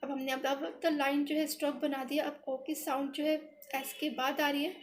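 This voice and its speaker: Speaking at normal speed with a flat, high-pitched delivery, a woman teaches shorthand step by step, repeating points patiently as she writes and talks it through. She uses English words in an Indian accent, over slight background noise.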